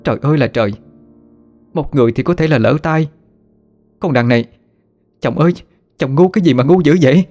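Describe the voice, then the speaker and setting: A man's voice: mid-range voice, expressive, a little fast, long pauses, darkish tone, pitched above the performer's own voice, close to an everyday voice. A man voicing an exasperated young wife who nags and scolds her husband, over faint music. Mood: scolding. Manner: nagging, scolding.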